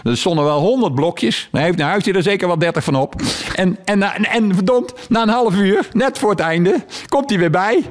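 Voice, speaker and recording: A man in casual conversation, telling animated stories from his work as a stage performer and acting out what people said. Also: high-pitched, moderate pace. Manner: animated storytelling with quoted voices.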